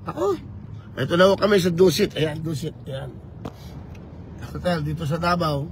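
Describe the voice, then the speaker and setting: A man chatting on a live vlog from inside a moving vehicle, talking in an animated and preachy way as he mixes languages. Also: fairly high pitch, moderate pace, a little hiss or hum. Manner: animated, code-switching, preachy. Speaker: vlogger campaigning for office.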